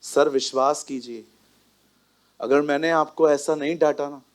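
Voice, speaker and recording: A male pastor preaching a sermon in a church hall, animated and emphatic, often slipping English phrases into his talk. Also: on the high side, unhurried.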